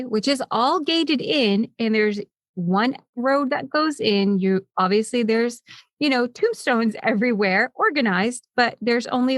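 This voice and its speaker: A woman tells a story on a podcast with lively energy and frequent laughter. Her voice sits a little high, and the recording is close and dry with no room sound. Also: no room sound. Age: older than her co-host, who is in her twenties. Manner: animated, laughs often while telling a story. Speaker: podcast co-host. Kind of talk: casual chat, storytelling.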